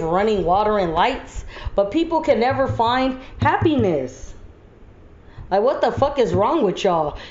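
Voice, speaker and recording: A woman's voice: mid-range voice, darkish tone. A woman venting in a blunt, heavily profane personal monologue. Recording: echoey room, dull lo-fi audio.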